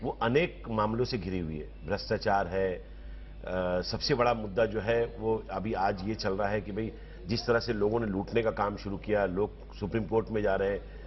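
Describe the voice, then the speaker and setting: A man arguing as a political panelist in a televised debate, speaking forcefully in long rhetorical sentences. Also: fairly low pitch, fairly even intonation, moderate pace, slight background noise. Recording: slightly dull TV broadcast audio.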